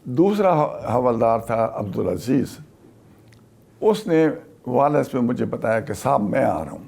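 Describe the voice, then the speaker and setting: Older man, retired officer, gravelly mid-pitched voice, slow halting storytelling in an interview. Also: darkish tone. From Pakistan. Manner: halting, deliberate storytelling with many pauses. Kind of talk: recounting a wartime memory in an interview.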